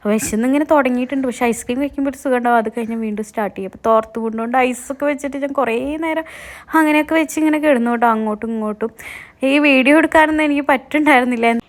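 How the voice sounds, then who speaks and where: A woman, talking through a casual vlog while in pain after a tooth extraction, chatty and adding tag words as she goes. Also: a little high. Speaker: vlogger.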